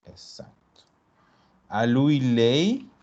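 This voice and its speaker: A male Italian teacher with a mid-range, slightly mellow voice talks very slowly and swings widely in pitch. He explains grammar step by step and patiently repeats his students' answers, all on a dull lo-fi recording.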